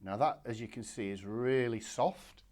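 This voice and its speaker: A man, giving a relaxed, chatty step-by-step painting demonstration from his studio. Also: medium pitch, normal speed. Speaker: watercolour art instructor. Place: home art studio.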